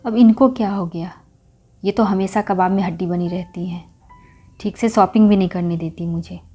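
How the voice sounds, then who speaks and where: A woman's voice: fairly low pitch, fairly even intonation, moderate pace, mellow, slightly rough, faint music behind. A woman playing a greedy, lazy young daughter-in-law in a family drama, complaining sharply and then turning falsely sweet. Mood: irritated. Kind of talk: Hindi family short drama acting.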